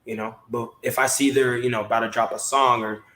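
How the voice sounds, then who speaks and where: He's a guest on an interview, a talent manager from Maryland near DC, talking loosely with plenty of "you know" thrown in. The mid-range voice runs a little fast with fairly even intonation, pushed and bright.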